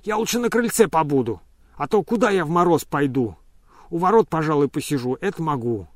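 A man's voice: a little high, expressive, a little fast, no echo, clean studio sound, pitched above the performer's own voice, lightly acted. A man voicing a lazy, stubborn old male servant who grumbles and drags his words. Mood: grumbling. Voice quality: grumbling, sluggish.

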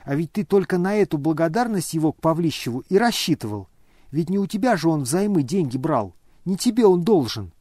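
A man's voice: a little high, very animated, brisk, dark tone, no echo, studio quality. A man voicing an indignant older noblewoman who scolds and exclaims.

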